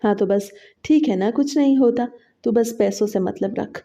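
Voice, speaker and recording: A woman's voice: on the high side, warm tone. A woman voicing an offhand man who shrugs off worries, in a dull lo-fi recording. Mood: dismissive. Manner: dismissive, shrugging. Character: offhand man, a casual neighbour.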